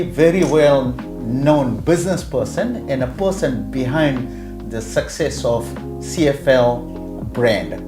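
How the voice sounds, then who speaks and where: A male talk show host asks questions in an easygoing, chatty way and laughs often. His voice carries a roomy echo, with music playing behind him. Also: mid-range voice. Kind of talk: casual interview chat.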